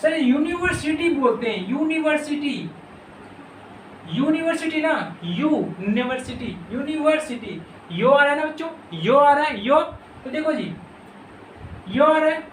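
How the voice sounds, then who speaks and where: A man's voice: very high-pitched, lively intonation, a bit bright, a little hiss or hum. Echoey teacher man drilling pronunciation. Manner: repeats words slowly, addresses students as children. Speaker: English teacher. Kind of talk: classroom grammar lesson. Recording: echoey room, mic at a distance.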